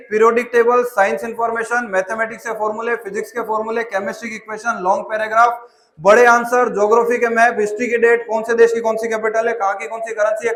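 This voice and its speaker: A man's voice: sits high, a bit bright. A man giving a memory-training demonstration to a class of students, speaking to them directly and calling them child. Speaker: memory trainer presenting a school seminar. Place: school hall with students. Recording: echoey hall.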